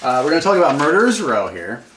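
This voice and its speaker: A man's voice: fairly high pitch, sing-song, quick pace, reverberant, distant mic, noisy background. A man co-hosting a casual fantasy sports talk show, chatty and emphatic as he argues his point. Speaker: podcast co-host.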